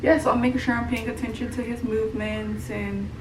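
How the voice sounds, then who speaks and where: A woman's voice: on the high side, level tone, brisk. Pregnant woman in her thirties, tired and rambling in a casual vlog, recorded at a distance in a roomy home with background noise. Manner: rambling, many fillers and restarts. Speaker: vlogger. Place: at home, room with echo. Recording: roomy, from the mic, noisy home.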